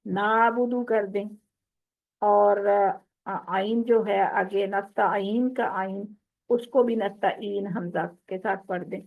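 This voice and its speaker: Woman, recitation teacher, patient explainer, stretches demonstrated words slowly, phone-thin sound. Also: mid-range voice, vocal fry. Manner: slow, drawn-out demonstration of Arabic words. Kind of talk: tajweed lesson explaining recitation mistakes. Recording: tinny phone-like audio.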